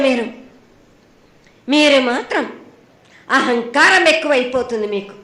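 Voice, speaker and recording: Woman, prophetic trance voice, Telangana accent, high pitch, stern short repeated pronouncements, echoey sound. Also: fairly bright tone. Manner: stern, admonishing, speaks in short repetitive phrases. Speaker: oracle delivering annual festival prophecy.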